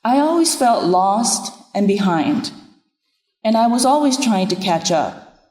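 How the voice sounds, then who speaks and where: A woman's voice: medium pitch, animated, a little slow, darkish tone. Woman minister preaching in an echoing hall. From Nepal. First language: Japanese. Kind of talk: sermon. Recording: echoey room with long reverb.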